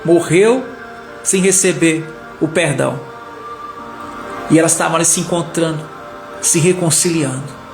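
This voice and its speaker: High-pitched preacher in echoey room. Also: male voice, a little slow, pauses often. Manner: animated, acts out the characters' lines. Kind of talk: sermon storytelling. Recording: echoey room with faint music.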